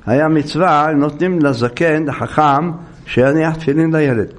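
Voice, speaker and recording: An older man delivers a religious lecture in a high-pitched voice. He moves between teaching and storytelling, acting out the people in his anecdotes. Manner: storytelling, acting out quoted speech. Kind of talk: Torah lecture to listeners.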